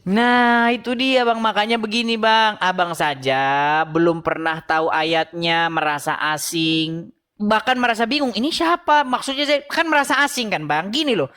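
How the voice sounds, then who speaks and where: A woman's voice: mid-range voice, moderate pace, fairly bright tone, clean tone. A woman hosting a religious debate call, persistent and lecturing, telling anecdotes and laughing at her own points. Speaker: channel host in religious debate.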